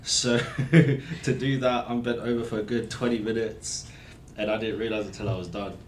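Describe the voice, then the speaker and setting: A man's voice: lowish voice, fairly even intonation, moderate pace. A man chatting casually and telling stories in a jokey, self-deprecating way. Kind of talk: casual storytelling chat. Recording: roomy echo with faint noise.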